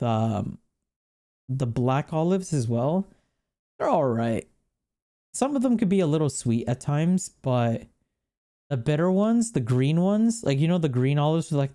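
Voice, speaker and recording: Mid-range and mellow, the streamer's voice carries loose, rambling livestream chatter aimed at his viewers. He reacts to the screen, laughs a lot, and swears without holding back.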